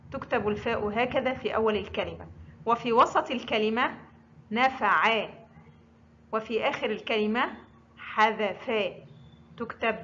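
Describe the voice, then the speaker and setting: A woman gives a pronunciation lesson, drawing out every letter and example word at a very unhurried pace. Her voice sits a little high. The sound is slightly dull and lo-fi. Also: fairly bright tone. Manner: pronounces each letter and example word slowly and distinctly. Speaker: Arabic teacher. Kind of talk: slow, deliberate pronunciation lesson.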